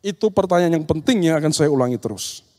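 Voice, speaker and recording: A man's voice: fairly high pitch, expressive, fast talker, a little mellow. A man giving a seminar sermon, telling stories and acting out the dialogues in them. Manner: storytelling, acts out dialogues with demons and youths. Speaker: speaker at an occult seminar. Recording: long reverb of a large hall.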